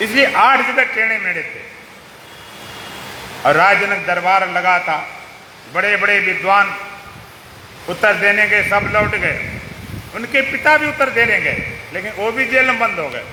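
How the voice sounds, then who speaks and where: A man's voice: high-pitched, expressive, a little slow, pauses often, reverberant, long reverb tail, background noise. A male swami telling a story in a sermon, emphatic and declaiming. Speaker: swami, spiritual preacher.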